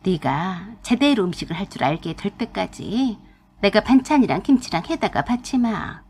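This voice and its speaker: A woman voicing a bossy, scolding older mother-in-law who lectures her daughter-in-law in a low, husky voice. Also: expressive, moderate pace, darkish tone. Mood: lecturing. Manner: domineering, lecturing.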